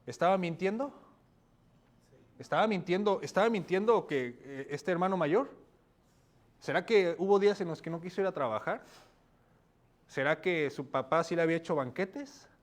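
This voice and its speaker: A man's voice: sits high, normal speed, pauses often. A man preaching a sermon, asking rhetorical questions and checking in with his listeners.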